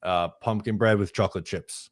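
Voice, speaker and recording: Halting low-voiced male podcast co-host. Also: fairly even intonation, no echo, studio quality. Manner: halting, repeats words while thinking. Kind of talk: casual sports podcast chat.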